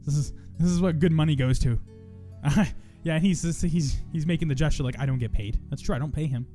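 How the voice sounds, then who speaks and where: A man's voice: a little high, a little fast, dark tone, faint music behind. A young man hosting a podcast in casual chat, rambling, swearing and poking fun at himself. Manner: profane, rambling, self-mocking. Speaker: podcast host.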